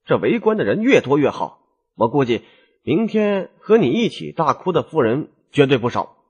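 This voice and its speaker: A man's voice: fairly high pitch, very animated, normal speed, a little mellow, breathy edge, highs cut off, exaggerated voice. A man doing a shrewd, easygoing nobleman. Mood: coaxing. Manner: easygoing, coaxing persuasion. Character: calm, shrewd nobleman husband.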